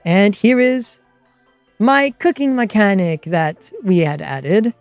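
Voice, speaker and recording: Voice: medium pitch, expressive, slow pace, clear, resonant tone, dry recording, faint music behind. A streamer and game master of unclear sex chatting casually and explaining tabletop game rules in a rambling way.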